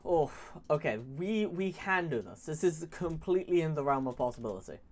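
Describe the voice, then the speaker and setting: A man's voice: fairly high pitch, expressive, normal speed. A man giving casual, rambling commentary on a strategy game he is playing, often restarting phrases and mocking his opponents sarcastically. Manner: rambling, sarcastic, self-correcting. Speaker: gaming YouTuber.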